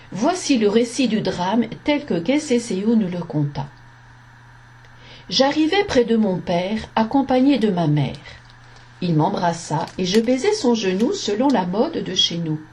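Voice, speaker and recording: A woman reading a story aloud in a slow, measured narration, giving the quoted lines a voice. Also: on the high side, warm tone.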